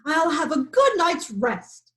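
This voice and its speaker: A woman voicing a grumpy, blustering male lion in a storybook reading, loud and growly. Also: high voice, big pitch swings, takes it slowly, voice pushed up, full character voice. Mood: smug.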